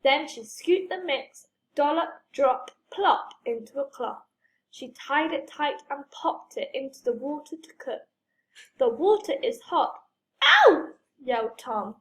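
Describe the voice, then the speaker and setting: A woman reading a children's story aloud, expressive and playful with sound words. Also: high voice.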